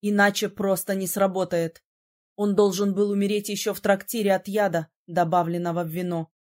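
A woman reading an audiobook, voicing a stern, powerful young male prince mage in a low, grave voice. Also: level tone, fairly quick, natural voice.

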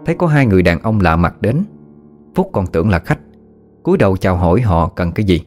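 A man narrating a story in a steady, plain manner. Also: low voice, fast, faint music behind. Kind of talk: storytelling audio drama narration.

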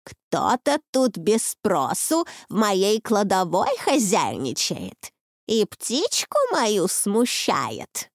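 A woman voicing an ancient, wrathful forest witch in an audiobook, with a creaky, icy voice and slow, scornful speech. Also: mid-range voice, huge pitch swings, no room sound, clean studio sound, exaggerated voice. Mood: menacing. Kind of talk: audiobook reading.

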